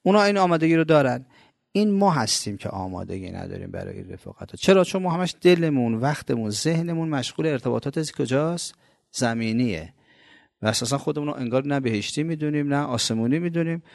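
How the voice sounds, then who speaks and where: Male preacher from Iran, gravelly, conversational sermon with emphatic swells and rhetorical questions. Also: medium pitch, animated, no echo, clean studio sound. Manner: emphatic, rhetorical questions, sudden loud rises then soft asides. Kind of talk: colloquial religious sermon.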